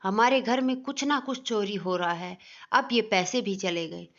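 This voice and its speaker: A woman's voice: medium pitch, unhurried, lightly acted. A woman voicing a stern middle-aged mother-in-law in a storybook family tale, suspicious and scolding. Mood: worried. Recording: dull lo-fi recording.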